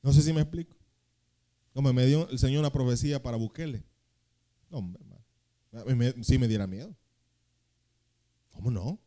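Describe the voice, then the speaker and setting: A young male pastor, preaching a sermon that swings between loud, slow scripture reading and quick, quiet storytelling. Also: medium pitch.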